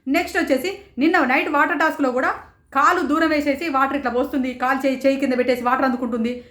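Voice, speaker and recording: A woman reviewing a reality show in rapid, indignant commentary, firing off rhetorical questions. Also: high voice, fairly even intonation, a bit bright, reverberant. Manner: rapid, rhetorical, indignant, quotes others in raised voices. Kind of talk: passionate commentary.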